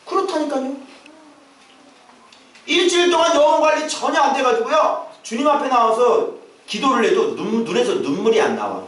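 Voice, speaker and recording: A man preaches to his congregation and now and then bursts into acted, shouted calls. His voice sits high and swings widely in pitch. It comes from a distance through a heavily echoing church sanctuary. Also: big pitch swings, moderate pace. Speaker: pastor. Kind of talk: sermon. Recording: echoey church hall, mic at a distance.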